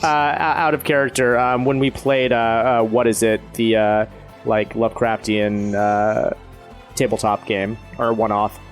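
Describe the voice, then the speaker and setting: A man chatting casually as a player in a tabletop game, halting and hesitant. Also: mid-range voice, level tone, faint music behind. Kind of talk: casual roleplay chat.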